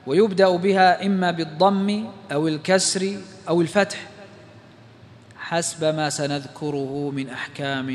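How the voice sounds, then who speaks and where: A man with a slightly high voice gives a lesson on Quran recitation rules, explaining each rule step by step and quoting verses and poetry. His voice rings with a long echo, like in a large hall. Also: slight background noise. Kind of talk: religious lesson lecture.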